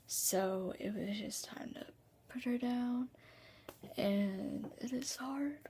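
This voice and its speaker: A tearful woman talking haltingly and subdued in a personal video diary, her voice hushed and breathy. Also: a little high, slight background noise. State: tearful, crying. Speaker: vlogger.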